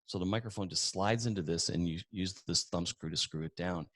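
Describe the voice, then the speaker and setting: A man's voice: low voice, a little fast, fairly bright tone, no echo. A man giving a casual webinar lesson, chatty and folksy, telling anecdotes with acted-out dialogue. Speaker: webinar presenter.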